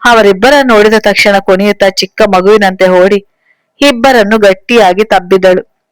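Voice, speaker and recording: A woman's voice: medium pitch, moderate pace, dry recording. A woman narrating a storybook tale, reading every character's lines in her own voice.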